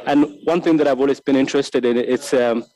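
A filmmaker in his 30s from Lesotho gives a reflective master-class lecture in a warm, mellow voice of medium pitch and fairly even intonation. He speaks haltingly, repeating words, restarting often and gesturing with his hands. A desk microphone on a stand picks him up in a large, bright hall with tall windows.

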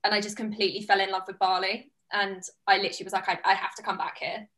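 On a casual video call, a guest who coaches fitness online, a woman in her twenties from the United Kingdom, chats with enthusiasm and gestures with her hands. Her medium-pitched voice is a bit bright and shows little pitch movement, and she talks at a quick pace. The recording is low quality, made in a small, plain-walled room indoors.

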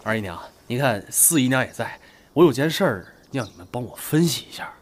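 An actress playing an excitable, slow-witted young woman of the household who stammers when agitated, in a period TV drama. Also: very deep voice, slight background noise. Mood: flustered. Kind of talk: Chinese period TV drama, dubbed dialogue.

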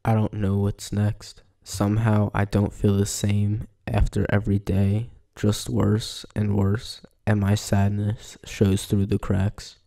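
A man playing a despairing, withdrawn young man in a halting, confessional film monologue. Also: lowish voice, completely flat delivery, gravelly, warm tone.

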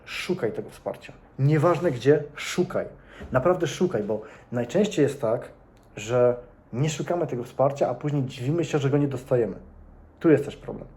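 Earnest young man with a mellow voice. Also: mid-range voice. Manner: earnest, repeats himself for emphasis, addresses viewers directly. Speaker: vlogger. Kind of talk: casual commentary to camera.

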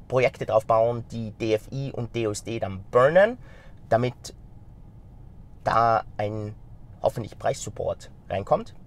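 A middle-aged vlogger and company founder talks straight to the viewer from inside a car in city traffic, recorded on a phone camera mounted in the car. He has a slight stuffy cold and a medium-pitched voice, and he's energetic, gesturing with his hands through this casual talk to camera.

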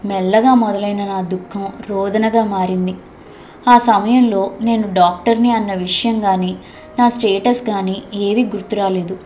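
A woman reading a story aloud in a measured, heartfelt storytelling voice. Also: medium pitch, steady tone, a little mellow, slight background noise. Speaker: audiobook narrator. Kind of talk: scripted story narration. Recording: dull, slightly lo-fi recording.

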